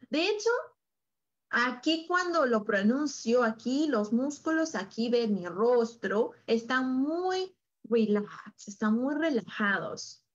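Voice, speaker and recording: A woman teaching an English class over a video call, switching between Spanish and English and repeating words slowly for her student. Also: a little high, lo-fi sound. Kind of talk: online English lesson.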